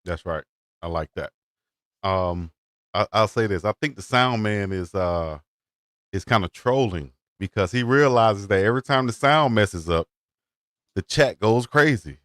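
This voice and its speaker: A man hosting a live sports stream in a relaxed, casual way, laughing easily and thanking viewers. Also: fairly low pitch, unhurried, no room sound, studio quality. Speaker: show host.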